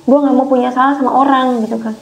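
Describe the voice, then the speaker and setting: In a casual retelling peppered with slang, a woman guest emotionally describes something frightening that happened to her. She talks fast in a high, steady, creaky voice. Faint music plays beneath a dull, lo-fi recording.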